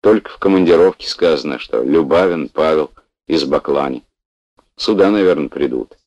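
A man's voice: very deep voice, moderate pace, no room sound, muffled recording. A man voicing a fat, agitated, talkative middle-aged man in glasses, read as part of an audiobook. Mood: chatty. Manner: shouting in alarm, then chatty.

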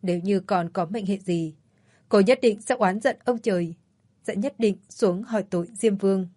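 A woman narrating an audiobook story in a calm, measured way. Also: medium pitch, dry recording, studio quality.

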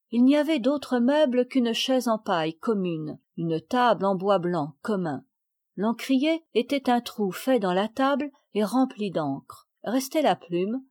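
A woman reads a classic children's story aloud in a steady, clear storytelling voice. Her pitch is mid-range for a woman. The sound is dry and close, with no room around it. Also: dry recording. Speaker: audiobook reader. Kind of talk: scripted narration.

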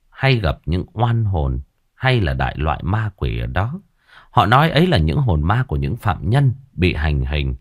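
A man narrating a ghost story in a lively, colloquial storytelling manner. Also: deep voice.

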